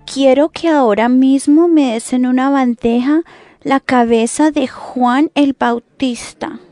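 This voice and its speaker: A woman playing a cold young princess in a Bible drama, making demands deliberately and insistently. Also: high-pitched, dark tone, no room sound.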